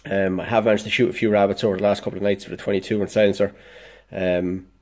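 This DIY vlogger talks fast in a lowish, slightly mellow voice with a flat delivery. He's congested and dosed up with illness, casually explaining a DIY fix at his indoor workshop workbench, blunt and plain-spoken with a swear here and there.

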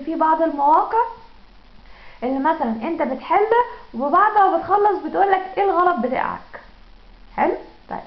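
A woman with an Egyptian Arabic accent teaching Italian in a casual spoken lesson, direct and full of rhetorical questions and examples. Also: sits high. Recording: echoey room, dull lo-fi sound.

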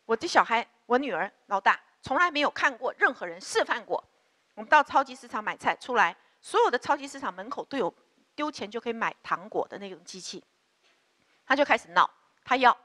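A middle-aged woman giving a church lecture on parenting and leading a prayer, emphatic and lively, asking the audience rhetorical questions. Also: a little high. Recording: hall reverb.

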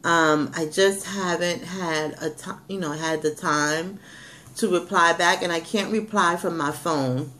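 A woman's voice: lowish voice, fairly even intonation, measured pace, pushed and bright, a little hiss or hum. A woman, chatting casually as a vlog host. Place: indoors, plain small room at home. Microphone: webcam microphone at arm's length.

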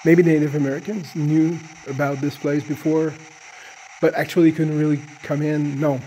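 Mellow higher-voiced man asking spirits questions. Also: flat delivery. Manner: halting, pausing between short questions. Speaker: paranormal investigator leading a spirit box session. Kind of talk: casual questioning addressed to spirits. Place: inside a large underground cave. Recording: noisy handheld cave recording.

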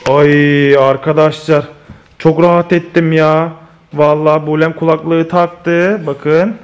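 A man's voice: fairly high pitch, flat delivery, takes it slowly, muffled recording, a little hiss or hum. A man speaking to viewers in a casual family vlog at home, playfully coaxing a child. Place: at home indoors.

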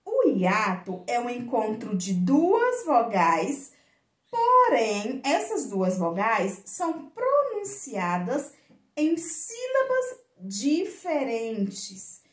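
Woman teacher, Brazilian Portuguese accent, slow, lively sing-song pitch, higher voice, echoey room. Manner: slow, stretched words with sing-song emphasis. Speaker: primary school teacher. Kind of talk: video lesson for children.

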